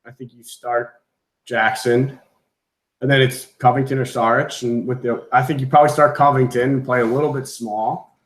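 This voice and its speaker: A man's voice: medium pitch, steady tone, moderate pace. A man in a casual sports debate, talking basketball as a fan on a panel. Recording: roomy echoing room sound.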